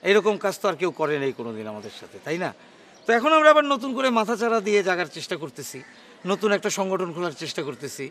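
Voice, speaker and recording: An actor playing a sarcastic bachelors' club member who taunts an old friend, in a television drama. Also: male voice, high-pitched, very animated, very fast, a bit bright, a little hiss or hum, full character voice.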